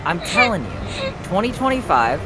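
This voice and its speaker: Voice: mid-range voice, moderate pace, music in the background, a crowd in the background. Dry, teasing gamer co-host. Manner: dry teasing, deadpan jabs. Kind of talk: casual gaming chat.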